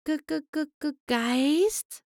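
A woman voicing a timid young female pony who stammers in a soft, trembling voice. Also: fairly high pitch, big pitch swings, takes it slowly, no echo, studio quality. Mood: frightened.

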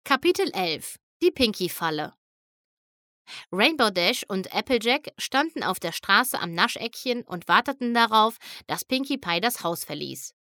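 Expressive female storybook narrator, lively delivery, dead-dry studio read. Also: medium pitch, measured pace, no echo. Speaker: audiobook narrator.

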